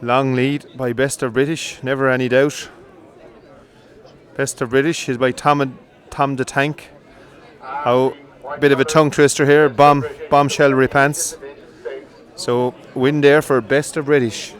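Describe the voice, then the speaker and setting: Live greyhound coursing is called by a race commentator on an outdoor field, a faint crowd in the background. His medium-pitched voice stays brisk and swells with excitement through the runs.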